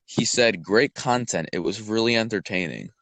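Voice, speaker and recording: Deep-voiced young man, dry teasing. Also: moderate pace, gravelly, a bit bright, no echo. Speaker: podcast co-host. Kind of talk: casual chat.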